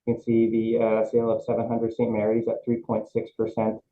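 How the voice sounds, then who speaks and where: A man testifying as an assessor at a review board over a video call, halting, with many fillers and restarts. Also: on the low side, monotone. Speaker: city assessor presenting at a hearing. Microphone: remote video call, microphone held close. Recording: tinny video-call audio with faint hiss.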